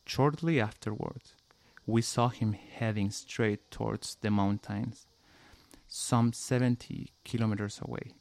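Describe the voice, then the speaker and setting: A lowish, steady, darkish voice at a measured pace belongs to a musician from Chile being interviewed in English. Speaking with a Chilean Spanish accent, he answers casually and reads a passage, hesitating frequently, using lots of "like," and pronouncing each sound carefully.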